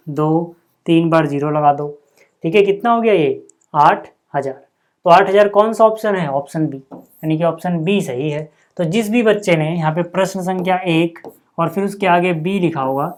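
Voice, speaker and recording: A man teaching a maths lesson in a casual classroom way, explaining step by step and often checking in with the students. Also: high voice. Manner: chatty, repeats "ठीक है", calls viewers "भाई" and "यार".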